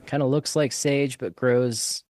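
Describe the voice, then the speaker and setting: A man's voice: mid-range voice, steady tone, measured pace, darkish tone, dry recording. A man talking as a podcast guest in casual, rambling chat that trails off and pokes fun at himself. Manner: rambling, self-deprecating, trailing off.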